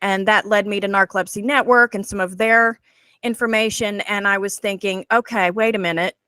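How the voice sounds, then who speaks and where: A woman's voice: medium pitch, fairly even intonation, moderate pace, bright, forceful tone, clear, resonant tone, dry recording. A woman in her forties, a guest presenter telling her personal story in an earnest, heartfelt way over a video call.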